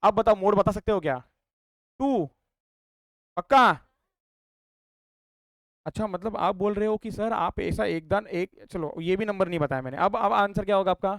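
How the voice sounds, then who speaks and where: Lively Indian man teaching maths. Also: high-pitched, vocal fry, no room sound, studio quality. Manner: lively, quizzes students with quick questions. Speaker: maths tutor. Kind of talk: classroom lecture.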